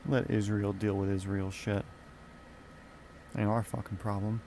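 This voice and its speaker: A man with a lowish, gravelly voice rambles through a casual live stream, dropping profanity in an offhand way. He sounds like he's at a desk mic in a home gaming room, with a faint noise floor underneath. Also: level tone, measured pace, warm tone. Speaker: flight sim streamer.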